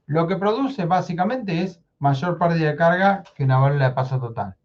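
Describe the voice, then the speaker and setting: A man's voice: a little high, animated, a little fast, muffled recording. A man giving a technical lecture, often checking in with "¿sí?". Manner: explanatory, checks in with frequent "¿sí?". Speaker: university lecturer.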